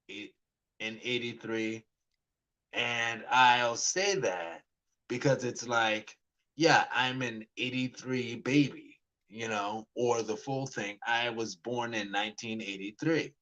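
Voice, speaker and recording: On a rough recording, a man in his forties with a medium-pitched, fairly bright voice tells a story as a vlogger. His monologue wanders, breaks into restarts and stammered repeats, and he plays both parties in the conversations.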